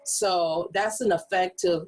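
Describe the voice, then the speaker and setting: A woman's voice: fairly low pitch, steady tone, takes it slowly, faint music behind, low-quality recording. A woman coaching presenters in a training workshop, talking casually and acting out hype voices and whispers to demonstrate delivery. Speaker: speaking coach.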